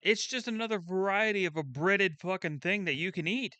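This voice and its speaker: A young man reacts to a food video in a loose, blunt way, swearing and restarting his thoughts as he goes. His voice is bright and smooth. The recording is dry and close, with no room sound. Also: sits high, fairly quick, no echo. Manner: blunt, swears freely, thinks aloud with restarts. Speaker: channel host reacting to a video. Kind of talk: casual reaction commentary.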